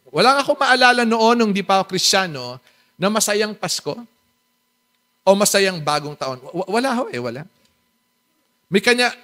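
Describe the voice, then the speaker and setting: A man with a high voice preaches with a Filipino accent, reading English Bible verses and then explaining them. He often turns to the congregation with questions and small jokes. He moves back and forth between loud, emphatic lines and quiet, soft asides. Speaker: pastor. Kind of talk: Tagalog sermon mixing in English.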